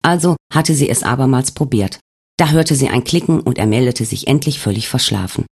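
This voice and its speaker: A man narrating a novel as an audiobook in a steady, storytelling manner. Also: medium pitch, brisk, gravelly, breathy edge. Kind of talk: scripted narration.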